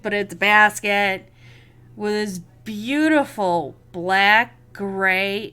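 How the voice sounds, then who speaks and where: A woman's voice: medium pitch, pushed and bright, clear, resonant tone. A woman narrating as game master of a tabletop game, casual and prone to giggles.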